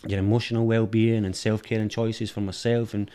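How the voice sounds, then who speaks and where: Brisk and warm, the Edinburgh director's lowish, clean voice shows little pitch movement. A middle-aged interview guest, he reflects openly and often repeats words in search of the next thought. The sound comes from a dynamic studio mic.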